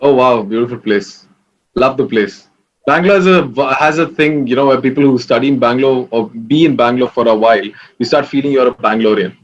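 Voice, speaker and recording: Young man, relaxed rambling storyteller, medium pitch, slightly muffled recording. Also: a little fast. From Kerala, India. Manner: relaxed, rambling, many fillers. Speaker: interview guest. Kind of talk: casual interview.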